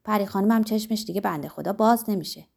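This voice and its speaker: A fussing old servant woman who sighs and dotes on the family, as a woman reads her in an audiobook. She talks tenderly, with a slightly raised, lifted pitch. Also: creaky, darkish tone. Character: sighing elderly female household servant, doting. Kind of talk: audiobook character reading.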